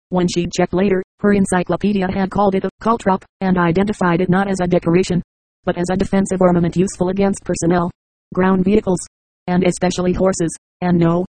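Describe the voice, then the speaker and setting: Even-toned audiobook narrator. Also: mid-range voice, dry recording, low-quality recording. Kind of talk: scripted narration.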